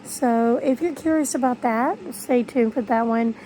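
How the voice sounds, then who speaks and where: A woman's voice: on the high side, a little slow, mellow, a little hiss or hum, rough recording. A woman speaking casually to her viewers in a rambling vlog, her speech slightly slurred by missing front teeth. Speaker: video creator. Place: bedroom, lying in bed.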